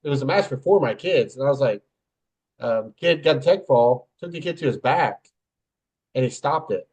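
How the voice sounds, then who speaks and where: A man's voice: medium pitch, lively intonation, moderate pace, darkish tone, husky, poor audio. A man hosting a casual podcast who also coaches wrestling, telling stories in a rambling way, trailing off and laughing at himself.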